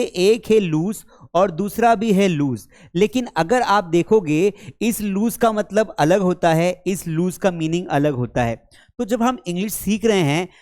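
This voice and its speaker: A man teaching an online spoken-English lesson. He explains patiently, calls his viewers friends and children, and reads English example sentences slowly. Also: high-pitched, a little mellow.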